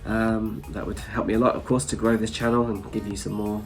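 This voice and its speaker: Speaking to camera in a relaxed, slightly wandering chat, a travel vlogger sounds blocked up from hay fever and chuckles lightly as he addresses viewers. His voice is lowish and level, at a fairly quick pace. There is faint music in the background.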